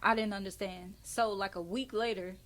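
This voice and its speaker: A woman's voice: mid-range voice, moderate pace. Chatty woman hosting a faith podcast. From Houston area. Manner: chatty, expressive storyteller. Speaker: podcast host. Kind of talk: casual interview chat.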